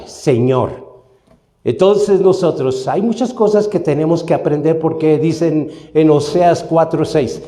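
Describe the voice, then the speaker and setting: A man's voice: a little high, warm tone. A man from Mexico preaching a sermon as pastor, teaching and often asking his listeners whether they follow. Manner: teaching, asks the congregation questions. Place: church hall. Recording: echoey church room.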